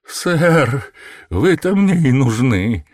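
Scared little man pleading, played by a male reader, trembling voice, pitched up, audiobook, dry recording. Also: lively intonation, measured pace, a little mellow, dry recording. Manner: trembling, anxious questions. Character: frightened small man, nervous and pleading.

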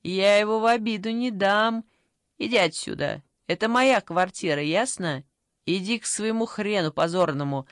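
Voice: medium pitch, normal speed, fairly bright tone, no echo, clean studio sound, lightly acted. The narrator voicing a coarse, scheming old mother who rants with scorn in an audiobook. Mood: scornful. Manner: rough, scornful ranting. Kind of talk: audiobook character voice.

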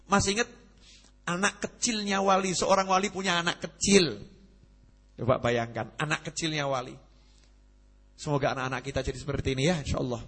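A man giving a conversational sermon, swinging between loud emphatic lines and hushed ones. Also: fairly high pitch, fairly quick, pauses often. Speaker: preacher.

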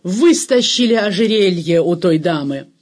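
A man's voice: sits high, expressive, measured pace, slightly rough, voice pushed up, heavily acted. A man voicing a harsh ship's purser who interrogates suspects fiercely in an audiobook. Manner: barking, interrogating.

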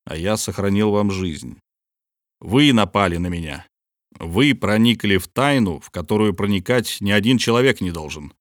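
A man's voice: on the low side, expressive, dry recording, studio quality, lightly acted. Man reading a cold, commanding sea captain. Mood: stern. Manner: cold, measured and authoritative. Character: stern proud male submarine captain, cold and commanding. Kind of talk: audiobook character reading.

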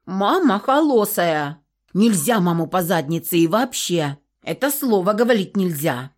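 A woman reading an audiobook, voicing a small excited boy who lisps and squeals. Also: unhurried. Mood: sulky. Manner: squealing, lisping, high. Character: small excited boy, lisping little child. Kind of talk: audiobook character voice.

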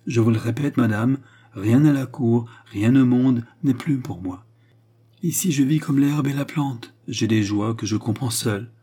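A man's voice: mid-range voice, a little slow, dark tone, breathy edge. A man reading a stiff, sorrowful young woman turned nun in an audiobook, answering with restrained formality. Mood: mournful.

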